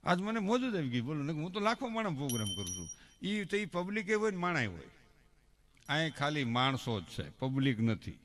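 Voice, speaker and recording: A middle-aged man with a Kathiawadi Gujarati accent works a festival crowd with homely comic stories, his bright, fairly high voice carrying through a stage microphone. He talks to the audience like respected elders and slips into the voices of the villagers in his tales. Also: very animated, a little fast, slight background noise. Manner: folksy, addresses the crowd as elders, acts out quoted villagers. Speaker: folk stage performer and joke-teller. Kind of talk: live stage comedy storytelling. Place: religious festival pavilion before a crowd.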